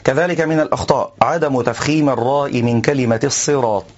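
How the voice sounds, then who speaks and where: A man teaching the correct recitation of a verse, explaining calmly and then reciting examples slowly and deliberately. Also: mid-range voice, lo-fi sound. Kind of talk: instructional lesson with slow recited examples.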